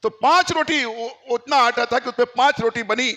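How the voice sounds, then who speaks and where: A man's voice: very high-pitched, moderate pace, bright, forceful tone. A man from India preaching a storytelling sermon, emphatic and exhorting his listeners.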